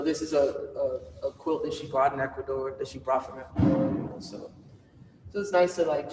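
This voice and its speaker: A woman's voice: deep voice, dark tone, a little hiss or hum. Rambling woman in an echoey gallery. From New York. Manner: loose, rambling, heavy with fillers. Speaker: exhibiting artist. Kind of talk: casual gallery talk. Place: art gallery, indoors. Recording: echoey hall from far off.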